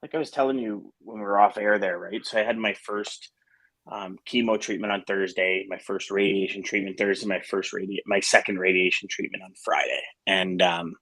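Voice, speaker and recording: A man's voice: sits low, steady tone, moderate pace, sharp tone. A middle-aged man hosting a casual morning show, talking in a rambling way with restarts and fillers. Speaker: host.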